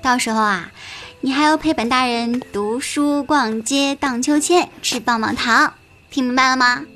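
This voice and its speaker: Woman voicing a teasing bossy girl, high voice, audio drama. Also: moderate pace, bright, forceful tone, a little hiss or hum. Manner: teasing, calls herself "this lady boss". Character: cheeky bossy young woman, 小夏. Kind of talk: amateur audio drama acting.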